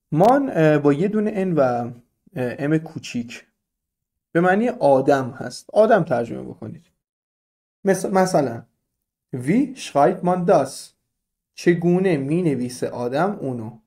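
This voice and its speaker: A man's voice: fairly high pitch, dark tone. A young man teaching a beginner German lesson in a casual way, explaining step by step and asking his students questions.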